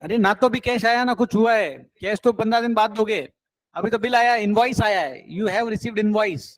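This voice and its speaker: A man's voice: high voice, fairly quick, no echo. A man teaching an accounts class, coaxing and encouraging his students and mixing in English terms.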